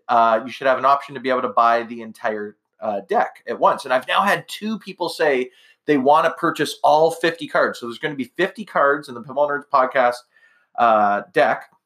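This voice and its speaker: Male podcast host from Canada, middle-aged, medium pitch, casual rambling monologue. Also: fairly bright tone. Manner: rambling, chatty, self-correcting asides.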